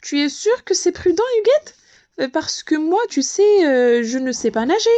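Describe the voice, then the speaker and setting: A woman's voice: high voice, sing-song, moderate pace, dark tone, muffled recording, voice pushed up. A woman voicing a timid little girl queen bee who stammers and pleads anxiously. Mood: frightened.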